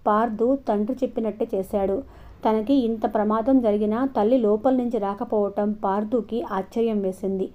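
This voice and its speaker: A woman reads a novel aloud in a steady, expressive storytelling voice. Her tone is mellow and warm. The recording sounds dull and lo-fi. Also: medium pitch. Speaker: narrator. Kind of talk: novel reading.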